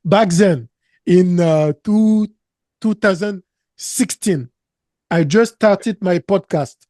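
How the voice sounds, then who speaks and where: An earnest Canadian business coach with a French accent and French as his mother tongue is a guest in an interview conversation. He has a high, warm voice and talks slowly and emphatically, slipping up on non-native grammar; the recording is dry, clean studio sound.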